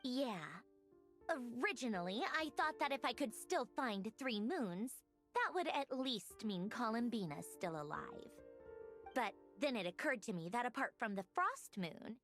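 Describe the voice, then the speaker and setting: An exasperated lively scientist. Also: female voice, on the high side, a little slow, soft background music, full character voice. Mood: musing. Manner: curt, exasperated, sarcastic. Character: irritable brilliant female scientist, impatient and sharp. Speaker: game character. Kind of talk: video game voice acting.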